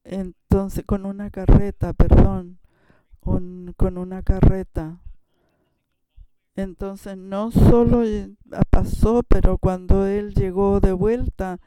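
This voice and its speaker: A preacher giving a sermon, telling a story in a halting way with frequent restarts and sudden shifts between loud and soft. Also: mid-range voice, flat delivery, slight background noise.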